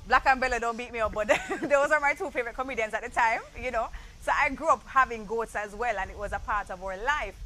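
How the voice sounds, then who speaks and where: A woman's voice: a little high, fast talker, hardly any pauses, bright, forceful tone, a little hiss or hum, rough recording. A middle-aged Jamaican woman hosting an outdoor panel interview, chatty and enthusiastic, on a lapel mic. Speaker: panel host. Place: outdoor garden set.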